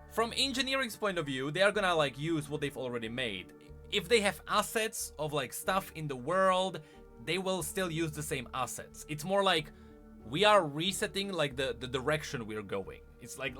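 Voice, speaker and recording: High, pushed, and bright, this man's voice drives his casual gaming livestream as he talks emphatically to chat and repeats phrases to hammer points home. Background music plays throughout.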